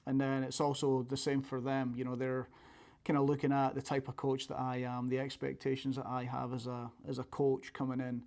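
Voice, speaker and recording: Male coach, thick Scottish accent, medium pitch, level intonation, informal interview delivery. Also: monotone, brisk, creaky, a little mellow. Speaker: college soccer coach.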